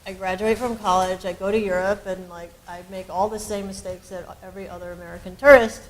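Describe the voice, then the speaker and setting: This brisk female panelist has a mid-range voice with fairly even intonation and explains her research ideas thoughtfully, with many ums and restarts. The university panel audio is poor, with slight noise behind her.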